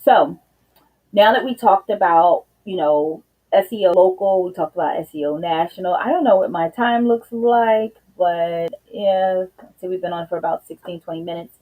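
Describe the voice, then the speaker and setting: Slightly breathless woman, mellow husky voice. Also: lowish voice, normal speed, poor audio. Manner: chatty, addresses viewers directly with "you guys". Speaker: business consultant hosting a live show. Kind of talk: casual live-stream talk.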